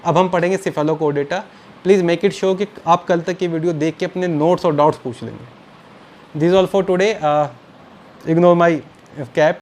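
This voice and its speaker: A man teaching a biology lecture to students, mixing Hindi and English and slowly repeating key terms, fondly calling them children. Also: fairly high pitch, a little mellow. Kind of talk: recorded online lecture.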